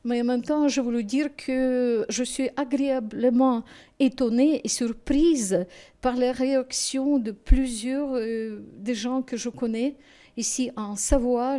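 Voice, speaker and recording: This woman, a studio guest on television, hasn't slept for nights and sounds it: she speaks haltingly and with emotion, hunting for the right words. Her French carries a Ukrainian accent and a native Russian speaker's traits, and her voice is mellow, pitched a little high.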